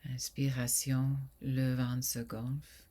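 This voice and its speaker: Guiding a yoga nidra sleep meditation, a woman speaks softly and soothingly in a very deep voice with little pitch movement. She frequently slips into a breathy near whisper and leaves long pauses.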